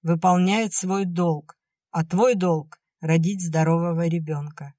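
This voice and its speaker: A stern older sister with a sharp, scolding tongue, read by a woman. She talks curtly and irritably. Her voice is low and dry, close to the mic. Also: moderate pace, dry recording, lightly acted.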